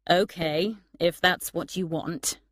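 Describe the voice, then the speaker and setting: Storybook: indifferent young man, read by a woman, low, slow, flat delivery. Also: no room sound, clean studio sound. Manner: flat, uninterested.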